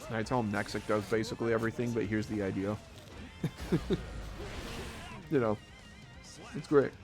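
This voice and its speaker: A man's voice: fairly low pitch, moderate pace, music in the background. A man casually commentating a live fighting-game tournament, rambling and chuckling often.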